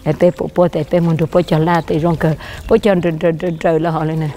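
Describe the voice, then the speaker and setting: A male pastor preaching a sermon outdoors by a riverside, his voice often jumping higher and louder for emphasis. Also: flat delivery, fairly quick, slight background noise.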